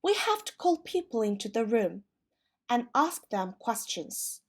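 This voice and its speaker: A woman's voice: on the high side, very animated, a little slow, darkish tone, exaggerated voice. A woman voicing a fussy male rabbit herald in a storybook reading, announcing in a sing-song recital. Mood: urgent.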